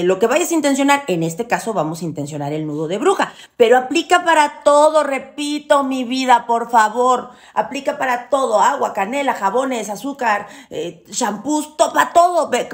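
A woman with a Mexican accent teaching a ritual in a loud, boisterous, chatty way, full of teasing slang and endearments. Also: a little high, expressive, moderate pace, hardly any pauses. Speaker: witchcraft teacher. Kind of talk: casual spoken tutorial.

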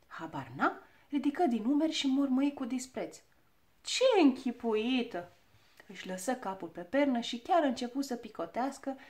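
A woman storyteller narrating a children's audiobook in an expressive, theatrical way. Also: high-pitched.

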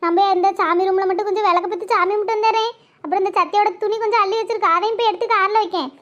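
A woman voicing a bossy village auntie, in an animated cartoon. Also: very high-pitched, racing, muffled recording. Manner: scolding, takes charge.

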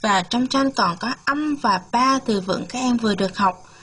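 In a bilingual lesson built on listen-and-repeat drills, a woman from Vietnam coaxes young learners with soft questions. She pronounces English words slowly and with emphasis so the children can echo them, speaking at a fairly high pitch.

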